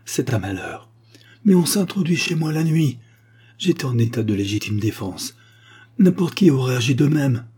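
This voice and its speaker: A man voicing a middle-aged country gentleman and husband, courteous and commanding in a measured way. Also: medium pitch, breathy edge. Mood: shaken, urgent.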